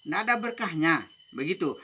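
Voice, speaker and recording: A man's voice: a little high, animated, fairly quick, bright, forceful tone, breathy edge, dull audio. A man from Indonesia teaching Sufi mysticism in a rhythmic, emphatic way, often ending points with "begitu". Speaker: religious teacher.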